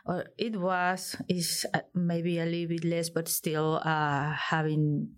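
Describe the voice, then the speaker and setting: Low-voiced thoughtful woman from Peru. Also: level tone, slow. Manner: hesitant, thoughtful, many fillers. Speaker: guest artist. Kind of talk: interview conversation.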